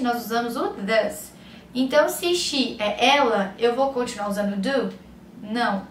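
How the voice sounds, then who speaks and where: A woman with a Brazilian Portuguese accent teaching an English grammar lesson. She explains patiently, checks in with her listeners often and says the English examples slowly and clearly. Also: fairly high pitch, fairly bright tone, distant mic. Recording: roomy echo, a little off the mic, faint room hum.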